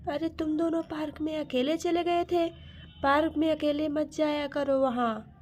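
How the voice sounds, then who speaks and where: A woman's voice: high voice, steady tone, normal speed, a little mellow, a little hiss or hum, close to an everyday voice. A woman voicing a worried mother who lectures her two daughters sternly. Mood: scolding.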